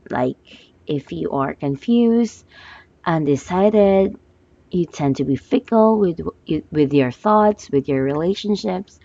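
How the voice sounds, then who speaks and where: A woman with a hoarse voice giving a monthly love forecast as a tarot reader, talking gently and hesitantly with many fillers. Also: sits low, highs cut off.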